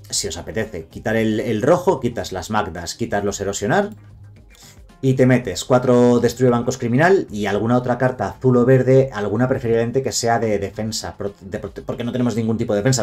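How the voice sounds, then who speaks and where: A man's voice: mid-range voice, darkish tone, soft background music. A man with a Spain Spanish accent giving a casual card deck guide, chatty and correcting himself as he speaks straight to his viewers. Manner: fast, chatty, self-correcting, addresses viewers directly. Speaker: card game content creator.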